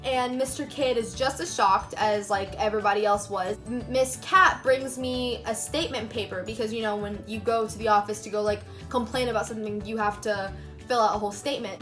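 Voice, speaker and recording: A woman's voice: a little high, normal speed, fairly bright tone, faint music behind. A young woman telling a personal story in a casual storytime vlog, chatting along with lots of filler words. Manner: chatty, filler-heavy retelling with many "like"s. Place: room at home lit by fading daylight.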